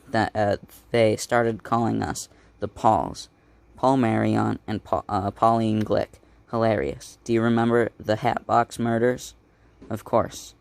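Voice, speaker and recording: A man reading a comic aloud in a casual way, halting often and correcting himself as he stumbles over words. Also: lowish voice, gravelly, no room sound. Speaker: comic book reader.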